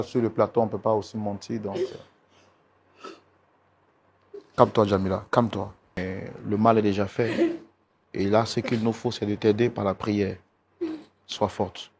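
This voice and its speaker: A man hosting a talk show, who keeps repeating apologies and calming words and pleads with a guest. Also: fairly low pitch, slight background noise. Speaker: host.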